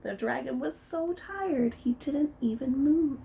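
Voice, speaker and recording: A woman reading a children's picture book aloud, gentle and expressive as a preschool storyteller. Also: high voice, a little slow, gravelly, muffled recording. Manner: gentle and expressive, voices the characters.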